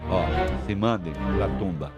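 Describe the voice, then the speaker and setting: A Brazilian radio commentator hosts an opinionated talk show, combative and sarcastic, mocking people with put-on voices and swinging between muttered asides and loud outbursts. His voice sits low and he takes things slowly, with loud music playing behind him.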